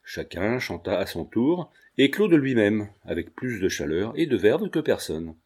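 A man narrating an audiobook with a measured, expressive reading. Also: lowish voice, husky.

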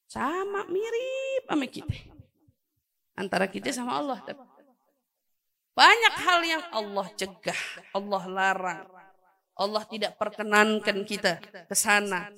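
A high, bright woman preaching with a lilt. She talks casually and playfully, slipping in and out of acted-out quotes and chuckles. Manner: lively, acts out quoted voices, laughs often. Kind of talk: sermon to women.

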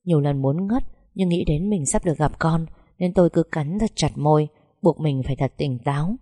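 Low, warm female storyteller, first-person audiobook; dry close recording. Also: normal speed, no room sound. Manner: calm, emotional storytelling. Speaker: narrator.

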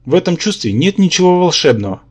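A man's voice: fairly high pitch, sing-song, quick pace, darkish tone, husky, voice pushed up. A man voicing a pedantic, lecturing male spirit symbiont who lives in the hero's head. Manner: lecturing, matter-of-fact.

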